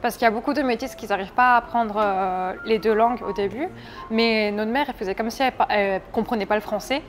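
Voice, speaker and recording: With a slightly high voice, a fast-talking French woman in her twenties chats openly as a guest in a casual interview, faint music playing behind. She often breaks off and restarts what she's saying.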